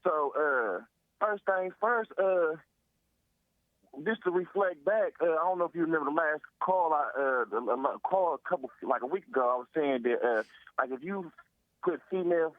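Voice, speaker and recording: A man's voice: on the high side, lively intonation, moderate pace, no room sound. A man calling in over a phone line to a talk show, chatting casually and rambling, often repeating stock phrases. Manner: rambling, repeats "long story short" and "you see what I'm saying". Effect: heard over the phone. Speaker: caller. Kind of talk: casual call-in chat.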